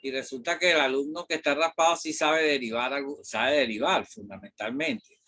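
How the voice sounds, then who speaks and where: A man's voice: on the high side, normal speed, pushed and bright. A middle-aged man from Venezuela with a Venezuelan accent, a math teacher talking casually and rambling, with many fillers and mild swearing. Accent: Venezuelan Spanish. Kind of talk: casual classroom talk.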